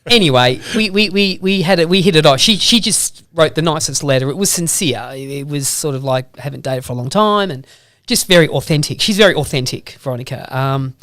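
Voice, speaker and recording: A man with a broad Australian accent chats as an interview guest. His voice sits fairly high and sounds smooth and clean. He tells stories in a loose, rambling way, closely recorded with little room sound. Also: fairly quick, fairly bright tone, no echo, clean studio sound. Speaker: podcast guest, motorbike vlogger. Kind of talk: casual interview storytelling.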